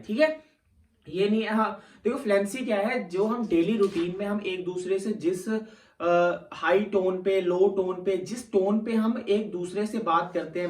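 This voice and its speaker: A man's voice: sits high, echoey room, recorded from a distance. A man from Punjab with a voice, coaching students for an English exam in a patient classroom manner and often checking in with "theek hai". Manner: patient, repeats points, frequent "theek hai" check-ins. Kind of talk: classroom-style lesson.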